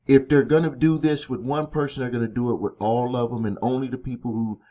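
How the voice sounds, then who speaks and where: A man's voice: mid-range voice, steady tone, a little fast, warm tone. An American man presenting a consumer-advice vlog, explaining things directly to viewers in an emphatic, indignant way with stressed key words and rhetorical questions. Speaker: credit repair business owner and video host.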